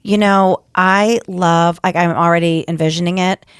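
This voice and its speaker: A woman's voice: fairly low pitch, fairly even intonation, moderate pace, smooth, dry recording, studio quality. Chatty middle-aged woman co-host. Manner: enthusiastic, chatty. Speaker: podcast co-host. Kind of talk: casual chat.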